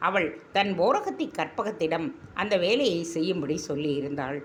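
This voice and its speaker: A woman narrating a serialized story in an expressive, measured reading. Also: lowish voice, slight background noise.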